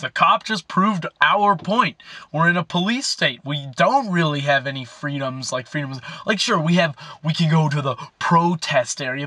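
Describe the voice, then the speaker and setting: A man's voice: fairly high pitch, sharp tone, no room sound. A young man telling a rambling, agitated story as a political activist vlogger, full of fillers and restarts. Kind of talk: ranting casual vlog.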